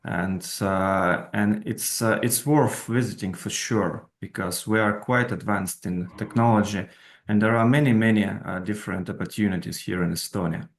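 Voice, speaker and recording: A man hosts an interview, introducing his guest and putting questions to her. His voice is somewhat low, and he talks in a hesitant way with scattered fillers. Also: moderate pace. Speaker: host. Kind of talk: interview hosting.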